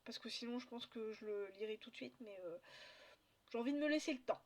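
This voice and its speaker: A woman's voice: on the high side, fast. Chatty woman with many fillers. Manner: hesitant, many fillers and restarts. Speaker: book vlogger. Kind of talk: casual book haul chat.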